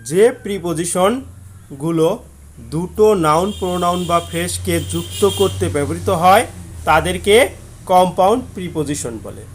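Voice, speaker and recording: A man with a Bangladeshi accent teaches a grammar lesson in a fairly high voice. He talks slowly and deliberately, drawing out example sentences one word at a time. He asks his own questions and answers them, and he clears his throat often. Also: animated, slight background noise. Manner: frequent throat clearing and "ah" fillers. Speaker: English teacher. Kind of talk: explaining grammar lesson to students.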